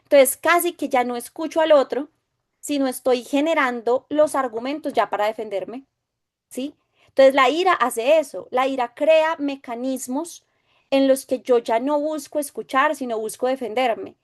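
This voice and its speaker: A woman's voice: sits high, normal speed. A woman teaching a recorded faith class, telling stories from her counseling and often checking in with "¿sí?". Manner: anecdotal, conversational, asks "¿sí?" often.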